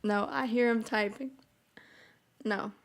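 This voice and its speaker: A young female streamer with a fairly high, steady voice takes it slowly in a casual chat over soft piano music. She has a mild Midwestern American accent and is from the American South, rambling bubbly and saying "freaking" and "oh my God" a lot.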